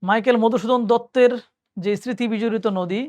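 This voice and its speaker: There's no room sound as this young adult teacher, speaking a little fast in a medium-pitched, darkish voice with a Bangladeshi Bengali accent, reads admission exam questions aloud. Each answer is worked out step by step, with frequent thinking aloud and self-correction.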